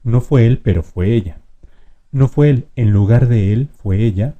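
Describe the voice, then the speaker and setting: A man explaining spelling rules in a lesson, patiently addressing the viewer directly and drawing out example words slowly. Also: medium pitch, phone-quality sound. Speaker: language teacher.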